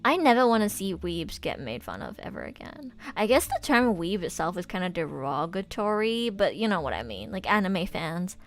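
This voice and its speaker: A woman's voice: lowish voice, sing-song, moderate pace, hardly any pauses. A young adult woman chatting casually to livestream viewers in bubbly anime-fan slang, speaking while recovering from oral surgery with stitches in her mouth. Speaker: livestreamer and voice actor. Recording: music playing behind the voice. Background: music.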